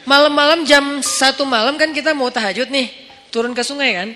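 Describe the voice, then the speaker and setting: A male preacher, giving an animated, humorous storytelling sermon and acting out dialogue. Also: very high-pitched, a little fast, a little hiss or hum. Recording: long hall reverb with music.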